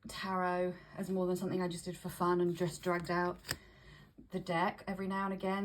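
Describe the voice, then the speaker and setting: A woman vlogger chatting casually to camera, breathy and a little short of breath with hay fever, often restarting and repeating her phrases. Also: on the low side, slight background noise, poor audio. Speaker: vlogger showing tarot decks.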